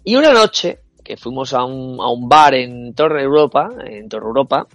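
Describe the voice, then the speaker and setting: A young man telling a comic anecdote to friends, animated and swearing freely as he acts out what others said. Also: mid-range voice, a little slow, no room sound, lo-fi sound. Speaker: storyteller on a New Year's Eve show.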